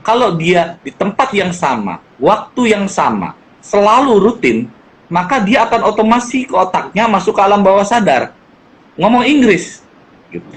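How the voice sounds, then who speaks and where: A man's voice: high voice, a little hiss or hum, rough recording. A middle-aged man, a guest speaker, talking casually about parenting and acting out quoted dialogue. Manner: animated, acts out quoted dialogue in changed voices. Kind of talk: casual chat.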